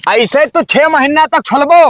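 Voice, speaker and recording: A man's voice: very high voice, measured pace, a bit bright, a little hiss or hum. A man playing an exasperated Awadhi villager. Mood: grumbling. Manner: grumbling, scolding dialect speech. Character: exasperated young village man, overworked and scolding. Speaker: lead of a village comedy skit. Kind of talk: rustic comedy skit acting.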